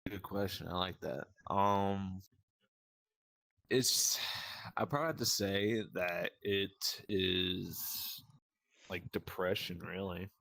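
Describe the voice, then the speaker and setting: A young man as a guest in a casual chat, speaking in a halting, open and personal way. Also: low-pitched, creaky, a bit bright, dry recording.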